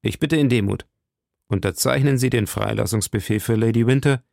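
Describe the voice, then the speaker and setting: A fanatical young officer read by a man who presses his demands with grim earnestness. The voice stays at the reader's own gravelly middle pitch. Dry, close storybook sound. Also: brisk, a little mellow, dry recording, natural voice. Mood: stern insistence. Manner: earnest, insistent. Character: fanatical young male officer, stern and zealous. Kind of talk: audiobook reading.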